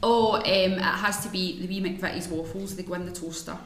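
A woman's voice: on the low side, fairly even intonation, fairly quick. A Scottish woman speaking candidly and chattily as a guest in a live podcast interview. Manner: candid, chatty, plain-spoken. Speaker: guest runner. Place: room at a live event. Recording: echoey room, faint noise.

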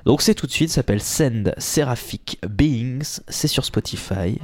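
A man's voice: medium pitch, animated, a little slow. A man hosting a radio music show in a studio, talking casually and hesitantly, with many fillers and self-corrections.

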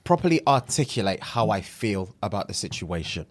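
A young man with a London accent talks casually as a podcast co-host. His pitch moves around a lot, making his ranting lively, and his speech is full of London street slang. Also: fairly quick. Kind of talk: casual chat, football rant.

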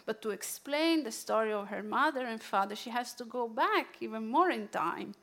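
A woman with an Italian accent who talks through books she loves, reads a poem aloud, and pauses often with fillers and restarts. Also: on the high side, animated, fairly bright tone. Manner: halting, many fillers and restarts. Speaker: book presenter. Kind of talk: casual book sharing with a poetry reading.

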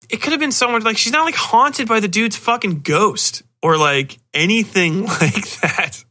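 This podcast host's voice sits high and moves a little slowly, with a sharp edge. Reviewing horror movies, he rambles casually, swearing bluntly and sardonically while tossing in exasperated side comments.

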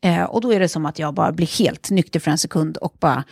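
A woman co-hosting a casual chat, telling a story in an animated way and acting out the quotes. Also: sits low, creaky, husky, dry recording, clean studio sound.

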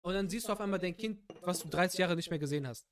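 A man hosts a relaxed podcast chat and tells stories with animated energy. His voice sits a little high for a man. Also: rapid-fire, a crowd in the background. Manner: animated storytelling. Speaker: podcast host. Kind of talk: casual chat.

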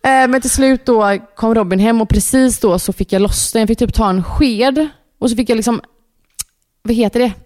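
A woman's voice: fairly high pitch, dry recording, clean studio sound. Swedish woman telling a frantic story. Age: 30s. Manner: animated storytelling, acting out quoted panic. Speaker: podcast co-host. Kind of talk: casual chat.

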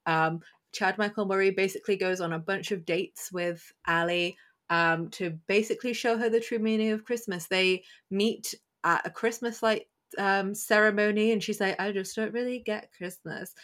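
A woman co-hosting a casual film review podcast, giggling and mocking the characters with quick impressions. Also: mid-range voice, fairly even intonation, fairly bright tone. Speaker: podcast co-host.

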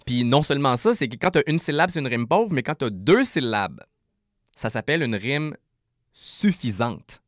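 Man, Québécois French accent, rapper guest, animated explainer, frequent restarts, dry studio sound. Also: medium pitch, moderate pace, dry recording. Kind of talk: casual interview chat.

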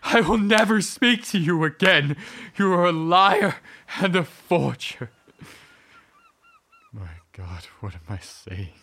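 An actor playing Arthur, a theatrical Victorian gentleman torn between tender devotion and bitter fury at his wife. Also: low-pitched, a little slow. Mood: furious. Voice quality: theatrical, declamatory. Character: Victorian gentleman Arthur, tormented lover turned furious husband. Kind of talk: radio drama acting.

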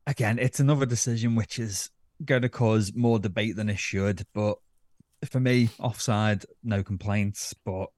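A man's voice: fairly low pitch, fairly even intonation, a little slow, darkish tone, no echo, clean studio sound. A man co-hosting a casual football podcast, easygoing and hedging his opinions. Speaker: podcast co-host.

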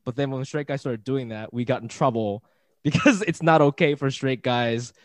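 A man in his thirties chatting casually on a podcast, rambling and restarting his sentences, getting excitable. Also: mid-range voice, normal speed, no room sound. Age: 30s. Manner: rambling, self-interrupting, excitable. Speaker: podcast co-host guest.

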